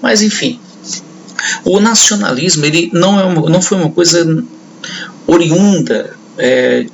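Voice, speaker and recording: A man's voice: fairly high pitch, measured pace, creaky, slight background noise, poor audio. A man giving a history lecture to students, talking conversationally and checking in with his class often. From northeastern Brazil. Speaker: history teacher.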